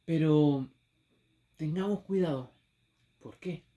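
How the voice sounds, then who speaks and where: A man's voice: on the high side, takes it slowly, warm tone, dull audio. A man with a Chilean accent preaching a sermon, telling a story with acted exclamations and rhetorical questions.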